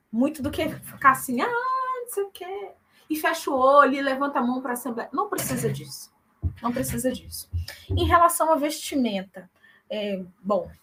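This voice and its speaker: Young woman guest, earnest conversational tone, tag questions, high bright voice. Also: breathy edge. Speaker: guest, church singer. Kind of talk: conversational interview.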